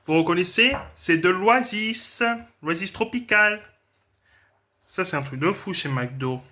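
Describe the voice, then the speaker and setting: A man's voice: high voice, animated, unhurried, bright, forceful tone. A young man from France rambling casually through a food-tasting vlog, often correcting himself mid-sentence. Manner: rambling, chatty, frequent self-corrections. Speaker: food vlogger.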